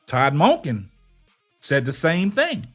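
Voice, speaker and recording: A man's voice: fairly high pitch, huge pitch swings, slow pace, a bit bright, faint music behind. A man hosting a sports talk show, emphatic and argumentative, firing rhetorical questions and checking in with short tags. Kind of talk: sports commentary and debate with a caller.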